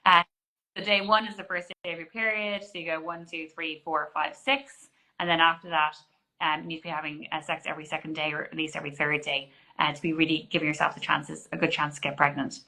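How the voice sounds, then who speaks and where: Woman GP, forties, clear bright delivery, talks things through with fillers and restarts. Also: low voice, little pitch movement, brisk, poor audio. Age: 40s. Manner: explanatory, frequent restarts and fillers. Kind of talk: conversational interview answers.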